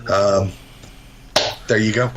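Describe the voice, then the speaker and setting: A man's voice: fairly low pitch, steady tone, slow pace, highs cut off. Hesitant male guest, faint noise. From Canada. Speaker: guest, education activist. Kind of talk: casual interview talk.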